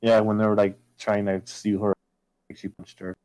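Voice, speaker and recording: A man co-hosting a casual podcast. He is relaxed and offhand, swearing casually. His voice sounds dry and close. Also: fairly low pitch, normal speed, no room sound. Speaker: podcast co-host. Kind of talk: casual chat.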